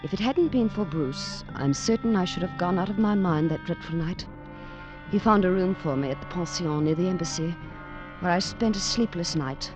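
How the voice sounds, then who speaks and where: In an old 1940s-50s radio drama, an actress plays a distraught young woman searching for her missing mother, narrating in the first person with a haunted mood. She sounds breathless, anxious and stammering, though her lowish voice at normal speed stays close to everyday speech. Music plays behind the old radio recording.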